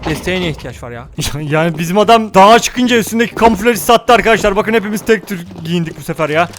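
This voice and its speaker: A young man giving jokey, excitable commentary on his own gameplay, often shouting at other players during fights. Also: sits high, quick pace, a little hiss or hum. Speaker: gaming YouTuber. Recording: game audio with music and gunfire behind. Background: music and gunfire.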